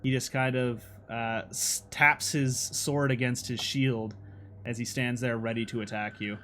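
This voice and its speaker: A man's voice: medium pitch, fairly even intonation, a little slow, a bit bright. Male game master, casual and laughing, describes gore, faint background noise, streaming mic. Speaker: dungeon master. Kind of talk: running a tabletop game on stream. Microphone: streaming microphone.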